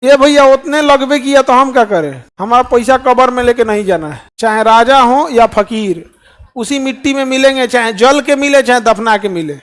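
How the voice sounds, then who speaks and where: A man's voice: extremely high pitch, normal speed, a bit bright. A man with a Bihari Hindi accent giving an emphatic motivational speech to students, often asking the audience questions. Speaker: speaker addressing students.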